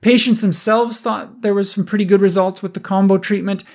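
A man hosting a podcast, briskly explaining research findings and asking rhetorical questions. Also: high-pitched, steady tone, a little mellow. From Canada. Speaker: podcast host. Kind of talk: scripted research review.

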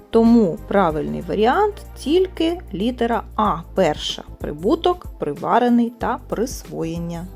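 A woman teacher going through exam tasks step by step, saying the example words slowly and clearly. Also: fairly high pitch, darkish tone. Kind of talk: exam prep lesson.

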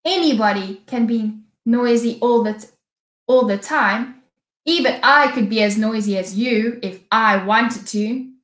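A woman's voice: fairly high pitch, unhurried, a bit bright. A woman with a South African accent voicing a small, indignant egret bird in a storybook reading. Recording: echoey room.

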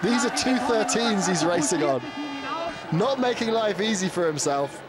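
A man's voice: sits high, animated, normal speed, a loud crowd. A man as ski co-commentator, offering dry, wry remarks. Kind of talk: live sports commentary.

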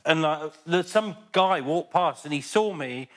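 A man's voice: a little high, animated, measured pace, a bit bright. A man in a casual podcast chat, telling wry, reflective anecdotes. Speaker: cast member.

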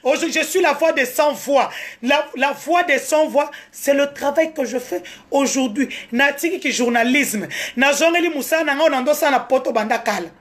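High-voiced Congolese woman streaming live. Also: moderate pace. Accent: Congolese French. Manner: animated, switching between French and Lingala. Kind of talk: casual live-stream storytelling.

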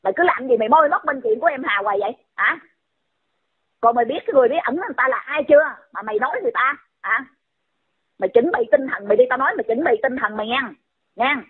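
A woman's voice: high-pitched, expressive, fast, husky. A woman, scolding someone in a heated rant and firing off repeated insulting questions. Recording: tinny phone-line audio.

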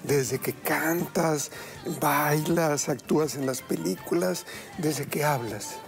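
A middle-aged man hosting a television cooking show, chatting effusively and flatteringly with his guest in a studio kitchen. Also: a little high, slow, vocal fry, music in the background. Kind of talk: warm effusive studio chat. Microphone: lapel mic.

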